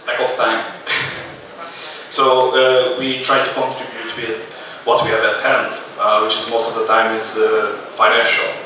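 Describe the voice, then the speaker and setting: A man's voice: medium pitch, monotone, unhurried, pushed and bright. A man in his thirties giving a casual, hesitant keynote talk on a large auditorium stage, speaking into a handheld mic with many "uh" fillers. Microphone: handheld mic, filmed from far back. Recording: echoey hall, distant camera mic.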